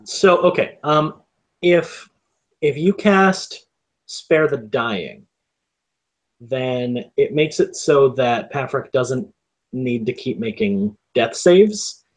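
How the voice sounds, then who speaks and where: A man running a tabletop game as game master, explaining the rules in halting stretches full of ums and restarts. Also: mid-range voice, lively intonation.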